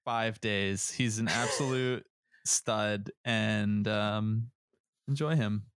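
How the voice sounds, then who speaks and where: A man's voice: fairly low pitch, steady tone, takes it slowly, a bit bright, smooth, no room sound, clean studio sound. A man talking casually in sports podcast banter.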